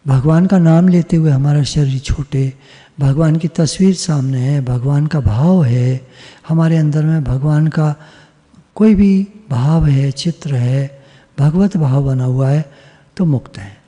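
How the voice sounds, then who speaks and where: A man giving a devotional discourse on scripture over a video call, teaching in a measured way, repeating phrases and asking and answering his own questions. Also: fairly high pitch, dark tone, in a large hall. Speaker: spiritual teacher.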